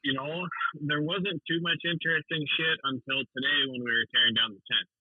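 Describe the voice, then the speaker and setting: A man's voice: on the high side, fairly even intonation, a little fast, breathy edge, no room sound. A man calling in by phone while driving, telling a rambling story in a casual way, swearing often and laughing between lines. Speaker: suspension tech calling in. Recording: muffled phone-call audio.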